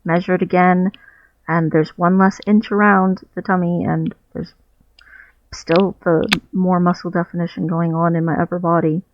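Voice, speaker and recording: A vlogger sits on his bed at home and speaks candidly into a headset mic for his personal video diary, pausing to find his words. His high-pitched voice moves at normal speed with little pitch variation, and the lo-fi audio comes across dull and muffled.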